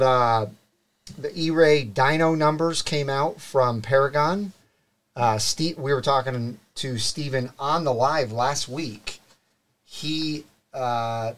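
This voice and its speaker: With a medium-pitched, fairly bright voice, a middle-aged host fronts a live car podcast in a studio with desk mics, talking into one on a boom arm. He greets his audience and reads sponsor spots in a lively way.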